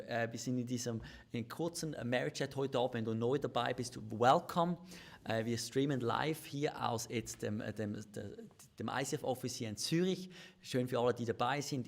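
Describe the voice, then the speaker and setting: Speaking with vocal fry in a mid-range voice, a pastor with a Swiss German accent co-hosts a live-streamed marriage talk. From his church office he talks in an earnest, confessional way.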